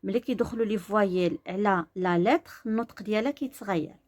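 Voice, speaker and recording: This is a woman teaching French reading to beginners, with a Moroccan Arabic accent. Her voice sits in an ordinary middle pitch. She lays out each rule in Darija, then drills single syllables one by one, dragging some of them out very slowly. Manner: slow, deliberate syllable-by-syllable sounding out.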